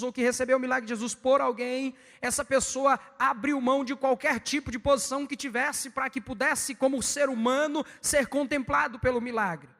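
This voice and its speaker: A man with a Brazilian Portuguese accent, preaching an evangelistic sermon in a church, fast and emphatic with sudden loud peaks. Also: very high voice, gravelly, big-room sound.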